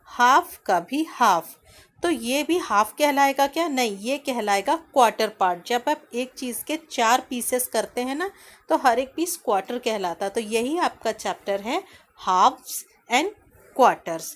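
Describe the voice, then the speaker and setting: Higher-voiced woman teaching children maths. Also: animated. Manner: asks the class questions, then answers them herself; reads English lines from the book slowly. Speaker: primary school teacher. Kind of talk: explaining a maths lesson to children.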